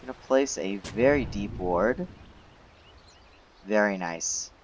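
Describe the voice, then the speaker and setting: A man's voice: lowish voice, lively intonation, slow, dull audio, slight background noise. A man casting an esports match live, explaining the play in an analytical way. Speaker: esports caster.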